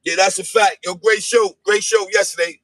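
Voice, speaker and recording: Man, high voice, bright tone, dry close sound, sing-song chanting taunts, casual livestream chat. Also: fairly even intonation, moderate pace, no room sound. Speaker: podcast guest. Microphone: phone livestream.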